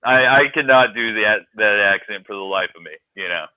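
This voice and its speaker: Chill podcast dude, swears a lot, hesitant, sounds like a phone line. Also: male voice, lowish voice, fairly quick, dry recording. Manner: laid-back, swears casually, hesitant with ums. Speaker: podcast co-host. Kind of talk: casual chat. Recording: tinny phone-like line, dry.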